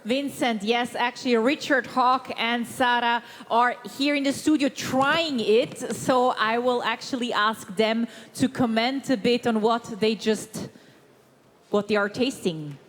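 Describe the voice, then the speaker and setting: A woman's voice: on the high side, a little slow. Woman, studio presenter, asking guests questions, reverberant hall. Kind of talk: live studio hosting.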